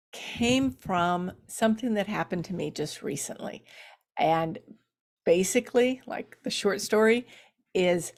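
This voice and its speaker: Chatty woman hosting a live stream. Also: medium pitch. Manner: chatty, warm-up small talk with fillers and soft laughs. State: losing her voice. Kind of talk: casual live-stream talk.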